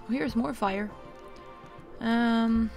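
A woman's voice: fairly high pitch, drawn-out words. A woman giving casual gameplay commentary as a let's play host, musing and thinking aloud. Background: game music.

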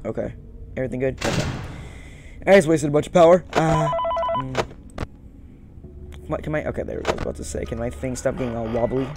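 This young man hosting a gaming video talks fast in a mid-range voice, pausing often while muttering to himself and repeating phrases. He's indoors by a plain wall, with game music and heavy background noise.

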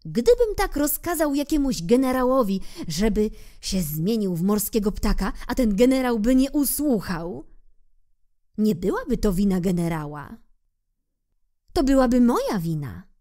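Pompous old king, barks orders, slow and mellow, woman reading him. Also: on the high side, sing-song, voice pushed up. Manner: commanding and pompous. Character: pompous old male king, self-important monarch.

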